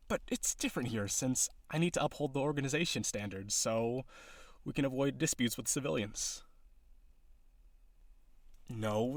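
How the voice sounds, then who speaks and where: In an audio roleplay, a man plays an awkward, businesslike villain on a blind date, addressing the listener in a hesitant, dry, earnestly formal manner. His voice is medium in pitch, and the recording has no room sound.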